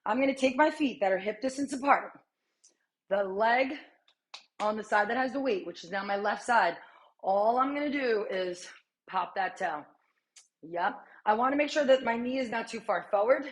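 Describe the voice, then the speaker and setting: A woman's voice: on the high side, moderate pace. A woman in her thirties coaching a strength workout while exercising, chatty and encouraging, with sighs and short breaths between cues. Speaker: fitness coach.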